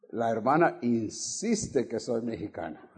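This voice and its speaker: In a church sanctuary, a guest preacher teaches a Bible study to the congregation. He is an older man from Honduras whose Honduran Spanish accent has faded, and his medium-pitched delivery is measured as he draws out key words and puts questions to his listeners.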